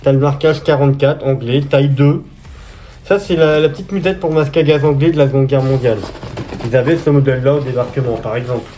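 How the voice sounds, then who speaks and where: A man's voice: mid-range voice, steady tone, quick pace, warm tone. Chatty man unboxing in an echoey room. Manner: chatty, slangy, exclaims at finds. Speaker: collector unboxing militaria. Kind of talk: casual unboxing commentary. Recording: echoey room, mic at a distance, noisy.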